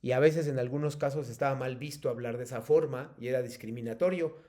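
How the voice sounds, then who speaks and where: A male teacher with a Mexican accent gives a patient, explanatory online lesson, pausing often on fillers. His voice is mellow and warm, at an ordinary pitch, over a computer mic. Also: steady tone. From State of Mexico. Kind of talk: online class lecture.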